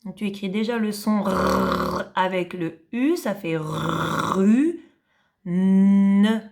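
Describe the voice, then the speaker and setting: A woman teaching young children to read in French, spelling out syllables slowly and distinctly, patient and repeating each sound. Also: medium pitch, lively intonation, vocal fry, darkish tone. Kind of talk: slow reading lesson for young children.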